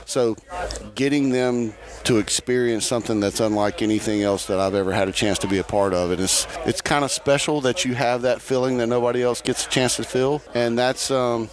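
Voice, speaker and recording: A man, a camp veteran guest, speaking reflectively and haltingly in an interview. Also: mid-range voice, fairly even intonation, crowd noise. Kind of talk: casual interview.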